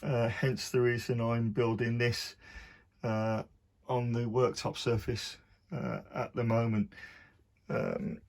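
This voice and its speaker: A man with a Birmingham accent chats easily through his hobby project, filling pauses with ums and uhs. His voice sits at a middling pitch, and he talks from a room at home. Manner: relaxed, many ums and uhs. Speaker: hobby model builder. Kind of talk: casual video diary.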